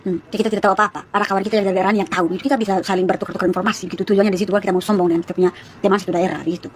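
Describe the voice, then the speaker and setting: A woman's voice: medium pitch, fairly even intonation, rapid-fire. A young woman from East Nusa Tenggara with a Kupang Malay accent, chatting casually on a phone livestream, greeting viewers by name and laughing often. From East Nusa Tenggara, Indonesia. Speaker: livestream host.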